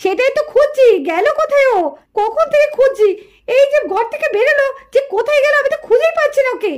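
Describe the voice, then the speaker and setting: A woman's voice: extremely high pitch, fast talker. A woman voicing a strict, angry mother in a puppet cartoon who scolds and threatens her daughter. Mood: angry, threatening.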